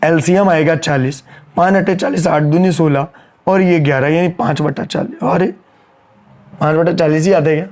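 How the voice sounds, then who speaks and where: With a sore, strained throat, a male teacher runs an online accountancy lesson in Hindi mixed with English terms, calculating sums out loud and briskly scolding his students, repeating important lines. His voice is fairly high, a little mellow, with fairly even intonation.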